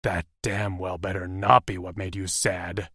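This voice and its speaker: A man voicing a big, protective male werewolf who speaks softly in a low, husky voice. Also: little pitch movement, a little slow, no room sound, clean studio sound, exaggerated voice. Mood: tender, gruff.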